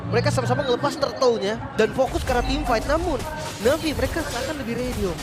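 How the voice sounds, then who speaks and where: A man's voice: very high-pitched, fast. A man with an Indonesian accent giving casual, analytical esports commentary in colloquial speech with English gaming terms. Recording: loud music behind commentary. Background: loud music.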